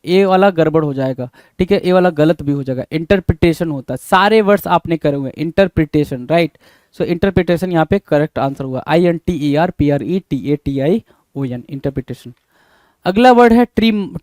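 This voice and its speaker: A young man whose voice sits high with a darkish tone teaches a spelling lesson, spelling words out letter by letter. His delivery is repetitive, drawn-out and emphatic, and he often calls listeners bhai; the recording is dry.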